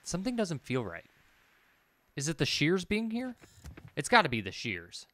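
A game streamer in his thirties sits at a computer in an indoor room, casually commenting on gameplay while hesitantly thinking aloud, muttering and repeating himself. His fairly high voice swoops wildly in pitch, moving at normal speed with a slightly bright tone.

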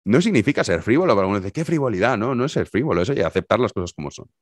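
A man's voice: lowish voice, racing, no room sound, clean studio sound. A man with an accent from Spain, hosting a podcast and telling his listeners an anecdote in a casual monologue, acting out the lines of the people in it. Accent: Spanish from Spain. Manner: animated storytelling, acting out dialogue. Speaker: podcast host.

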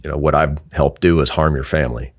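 A man in his thirties speaking earnestly as a guest on a casual podcast, at a boom mic in a small office studio. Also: flat delivery, quick pace. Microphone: desk podcast mic on boom arm.

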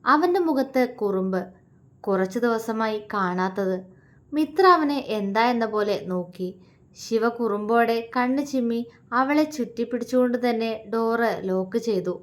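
A woman's voice: a little high, normal speed. Woman narrating a romance serial. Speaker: storyteller.

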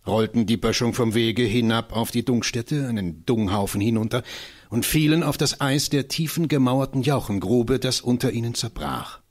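A man's voice: mid-range voice, normal speed. A man reading literary prose aloud in a staged reading, telling it dramatically and expressively. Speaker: reader.

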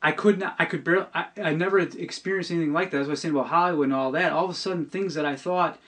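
A middle-aged man tells his personal story on a podcast with sincerity, stumbling as he frequently starts over and repeats himself. He speaks a little high, in a steady, slightly bright tone.

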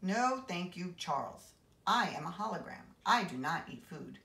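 A woman reading aloud, voicing a soft, motherly hologram librarian who speaks politely and formally. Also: fairly low pitch, sing-song, a little slow, creaky, exaggerated voice. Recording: roomy echo.

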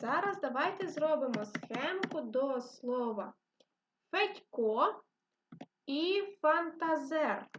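A woman teaching a reading and phonics lesson to young children, speaking slowly and clearly with patient encouragement. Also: high-pitched, lively intonation, a little hiss or hum. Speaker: primary school teacher. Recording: dull lo-fi recording.

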